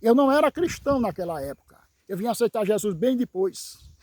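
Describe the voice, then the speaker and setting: A man giving a dramatic testimony, emphatic, repeating phrases with dramatic pauses. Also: high voice, lively intonation, a little mellow. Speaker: evangelical brother giving a testimony.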